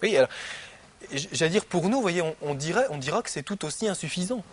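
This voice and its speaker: Lecturing man with a slightly high voice. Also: expressive, fast talker, breathy edge, dry recording. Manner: conversational, peppered with "hein" and "vous voyez". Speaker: philosophy lecturer. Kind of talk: classroom lecture.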